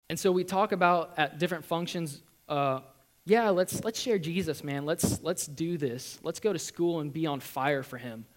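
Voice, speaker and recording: An earnest young man tells his church testimony in a slightly high voice. He talks in a halting way, full of ums, restarts and repeated words. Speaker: student giving a testimony.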